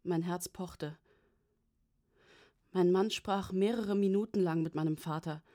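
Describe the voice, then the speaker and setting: A woman narrating a first-person story as an audiobook, in an even, measured way. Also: fairly low pitch.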